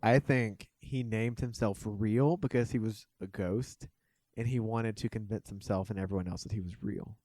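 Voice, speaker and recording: A man's voice: on the low side, fairly even intonation, normal speed, warm tone, dry recording. Man with dry, teasing humor. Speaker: podcast co-host. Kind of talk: casual podcast chat.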